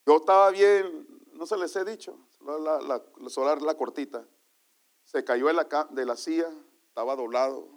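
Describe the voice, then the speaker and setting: A man preaching a sermon as pastor, telling stories to his congregation and calling them brother, moving from quiet asides to loud exclamations. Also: on the high side, moderate pace. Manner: storytelling, calls the congregation brother.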